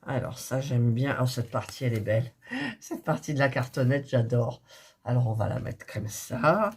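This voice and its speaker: A middle-aged woman, hoarse and recovering from a cough, chatting softly and thinking aloud as she unboxes cross-stitch kits. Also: very deep voice, moderate pace. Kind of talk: casual unboxing chat.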